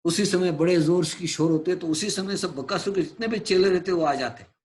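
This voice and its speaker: A male teacher walks a class through a play, retelling the stage directions in plain words. He stops to explain difficult words in English, in a slightly high voice. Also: a little fast, a little mellow.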